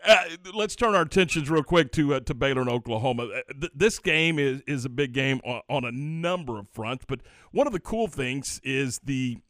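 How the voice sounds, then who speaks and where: Brief: mid-pitched man as host of a sports show, relaxed and chuckling, dry close sound. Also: moderate pace, dry recording. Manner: easygoing, chuckling, repeats words as he restarts. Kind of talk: casual sports talk.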